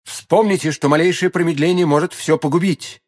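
A man voicing a scheming young noblewoman in an audiobook, speaking in a hushed, urgent tone. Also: a little high, fairly even intonation, takes it slowly, pitched above the performer's own voice.

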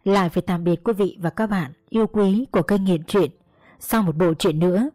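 A woman's voice: mid-range voice, normal speed, warm tone, no echo, soft background music. A woman audiobook narrator telling a story with an earnest storyteller's delivery.

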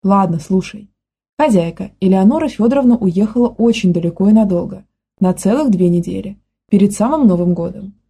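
A woman's voice: medium pitch, gravelly, warm tone, breathy edge. Woman reading as a scared, folksy young nanny. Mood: distressed telling. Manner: plain folksy talk, quick to panic.

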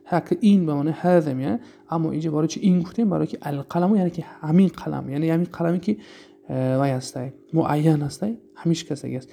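A man's voice: fairly high pitch, creaky, warm tone, a little hiss or hum. A man with a Tajik accent teaching an Arabic grammar lesson, explaining step by step and answering his own questions.

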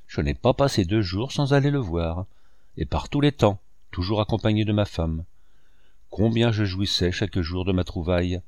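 Man, audiobook memoir narration, measured, lowish voice, animated intonation. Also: dry recording, clean studio sound. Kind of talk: first-person memoir reading.

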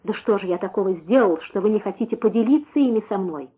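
A woman's voice: medium pitch, quick pace, husky, lightly acted. A woman reading an audiobook, voicing an anguished young man who pleads and questions with passion. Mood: pleading. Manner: impassioned, questioning. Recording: tinny phone-like sound.

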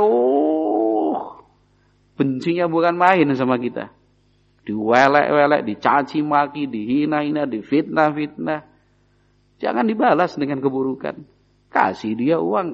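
Male preacher with a Javanese accent and a gravelly voice, chatty delivery that acts out quoted speech, muffled lo-fi recording. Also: medium pitch. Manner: conversational, acts out parents and children in quoted voices. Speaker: Islamic preacher. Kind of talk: religious study lecture. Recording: dull lo-fi recording.

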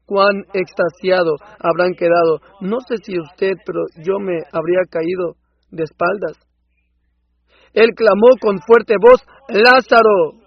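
Male preacher for a sermon dub: high, husky, impassioned, swells into loud outbursts, dull lo-fi sound. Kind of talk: Spanish voice-over of a sermon.

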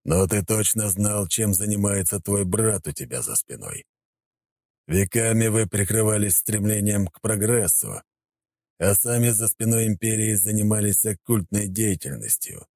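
A man voicing a calm, cold male emperor who speaks in a slow, measured way. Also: on the low side, vocal fry, no room sound, studio quality, pitched above the performer's own voice.

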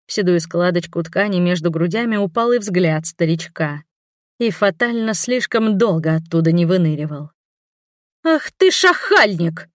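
A woman's voice: fairly low pitch, normal speed, a little mellow, no room sound, studio quality. A woman narrating a first-person audiobook in a wry storytelling manner.

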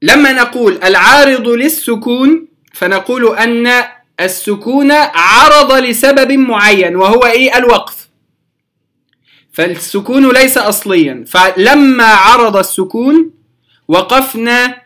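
A man with an Egyptian accent teaching a beginners' tajweed lesson, explaining rules with everyday examples and slowing down to recite verses. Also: very high-pitched, bright, forceful tone.

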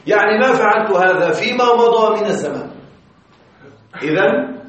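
A man's voice: sits high, a bit bright. A man teaching Arabic grammar in a classroom, explaining step by step and often checking that his students are following. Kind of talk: classroom lecture. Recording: echoey, distant, slightly muffled classroom recording.

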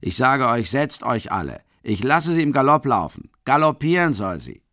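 A man voicing a drunken, cruel male peasant carter who bellows loudly in a raised voice. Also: big pitch swings, moderate pace, no room sound, clean studio sound. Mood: boisterous. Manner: bellowing, higher and louder than the narration.

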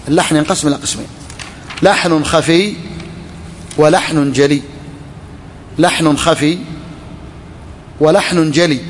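A man teaching a lesson to students, reading a text slowly and then explaining it, often repeating his phrases. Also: a little high, a little hiss or hum. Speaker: sheikh teaching a book. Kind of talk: classroom lesson on Islamic law.

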